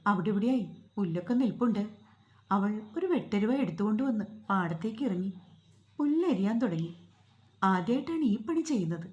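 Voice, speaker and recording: Mellow-voiced woman telling a story. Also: medium pitch, animated, brisk, muffled recording. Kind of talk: storytelling narration. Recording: roomy echo.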